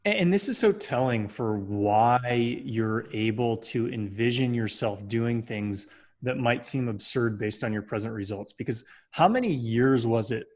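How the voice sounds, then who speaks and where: A man's voice: medium pitch, lively intonation, measured pace, a little mellow. Guy cohosting a podcast, regular middle voice, asks curious follow-ups. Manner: attentive listener, short prompting questions. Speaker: podcast co-host. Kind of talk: casual chat.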